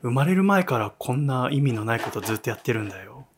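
A male host chatting on a casual radio program recorded in a small bar. His pitch sits in a middling register but swings widely as he jokes and teases his guest. He keeps his voice restrained and soft. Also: animated, fast, a little hiss or hum. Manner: playful, teasing, habitually soft-spoken. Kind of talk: casual chat. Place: small bar used as studio.

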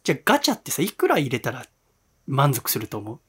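Animated, fast-talking male radio host. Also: mid-range voice, husky. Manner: animated, curious, rising excited questions. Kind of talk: casual podcast chat.

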